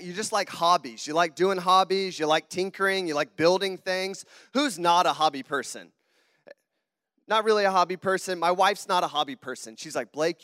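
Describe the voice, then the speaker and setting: In a church auditorium, a Southern US guest preacher gives an earnest, casual sermon with conversational asides, frequently addressing the congregation. His voice sits high with a fairly bright tone; the recording is studio quality, yet a long hall reverb lies on the voice.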